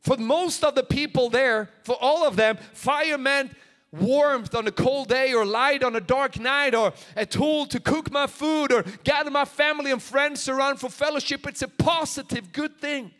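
A man's voice: very high voice, moderate pace, fairly bright tone. A man in his forties from Sweden, preaching a sermon on a large church stage into a handheld microphone, acting out prayers and quotes with rising intensity. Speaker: pastor.

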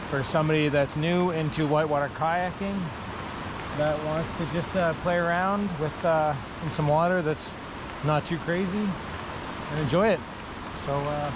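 Guy talking on a kayak trip, kinda high voice, laid back, loud river noise all around. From Canada. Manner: relaxed, offhand commentary with fillers. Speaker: kayaking vlogger. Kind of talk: casual narration while paddling. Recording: loud water noise outdoors. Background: rushing water and rain.

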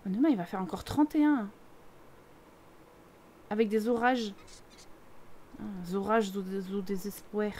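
A woman's voice: medium pitch, animated, measured pace, long pauses, darkish tone, slight background noise. A young woman streamer with a Parisian accent, chatting casually and teasingly with her chat while playing a game. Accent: Parisian French. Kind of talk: casual live-stream chat over gameplay.

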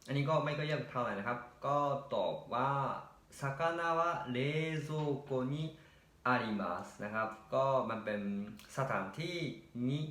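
A man walks students through grammar answers at a patient, steady pace. His voice sits in a middle range and is neither high nor low. The recording has a noticeable room echo. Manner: patient, repeats "นะครับ" often and reads example sentences slowly. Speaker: Japanese language teacher. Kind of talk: explaining grammar answers step by step.

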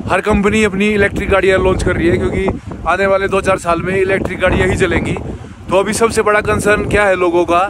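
A man in his thirties, a travel vlogger, talking casually into a phone held at arm's length outdoors on a mountain road. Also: sits high. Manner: chatty, easygoing, says "bhai" often. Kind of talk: casual vlog talk. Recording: faint outdoor noise.

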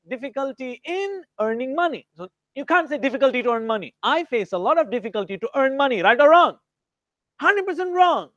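A man's voice: very high-pitched, fairly bright tone, dry recording, highs cut off. A man with an Indian accent teaching an English grammar class. He switches between English and Hindi and quizzes students by name.

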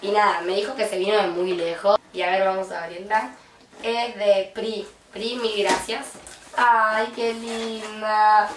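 A woman's voice: mid-range voice, a little slow, echoey room, distant mic, slight background noise. Gushing young Argentine woman, unboxing. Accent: Argentine Spanish. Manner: gushing, excitable, with frequent squeals. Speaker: vlogger. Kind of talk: unboxing vlog.

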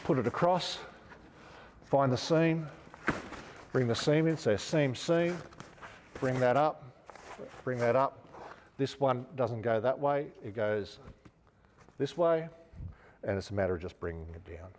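An Australian man in his fifties, presenting for an outdoor gear store, chats casually while demonstrating equipment hands-on in a large indoor showroom. His voice is medium-pitched and darkish, a little slow with long pauses, and the recording has a long reverb tail and slight background noise.

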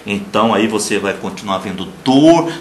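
A man preaching a televised sermon with a Brazilian accent, emphatic, swinging between loud declarations and soft murmurs and acting out the people he quotes. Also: on the low side, lively intonation, moderate pace, a little hiss or hum. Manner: acts out quoted people in raised voices. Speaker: pastor. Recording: roomy with faint ambience.

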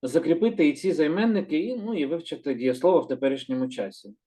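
A man teaching a calm, slow lesson, gently repeating words and patiently correcting himself. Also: a little high. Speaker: Hebrew teacher.

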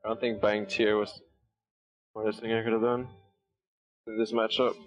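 A man's voice: lowish voice, little pitch movement, moderate pace, faint music behind. A young man talking casually through a video game, joking and swearing. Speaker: gamer. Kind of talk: casual gaming chat. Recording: dull lo-fi stream audio.

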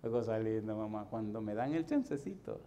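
A middle-aged man preaching a sermon as pastor, animated and swinging from soft to loud. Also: lowish voice, fairly quick, a little hiss or hum.

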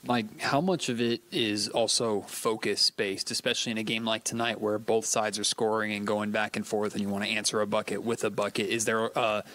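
A man's voice: lowish voice, level tone, fairly quick, hardly any pauses, fairly bright tone. A man, a reporter asking questions at a press conference, hesitant and full of fillers, heard from across the room.

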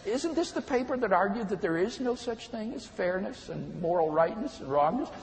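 Man doing a deadpan professor. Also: high voice, normal speed, creaky, a little hiss or hum, voice pushed up, low-quality recording. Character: calm, dry male philosophy professor.

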